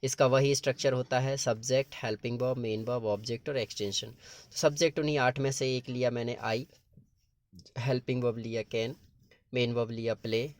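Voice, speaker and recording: A man's voice: mid-range voice, steady tone, brisk. A male teacher explaining grammar patiently, step by step, in a classroom-lesson style. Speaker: English teacher.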